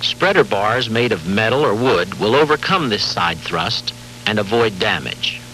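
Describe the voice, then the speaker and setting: A man giving formal, measured scripted narration for a safety training film, heard from a worn VHS tape copy with faint hiss and hum. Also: lowish voice, expressive, sharp tone, soft background music, poor audio. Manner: measured, formal, authoritative delivery.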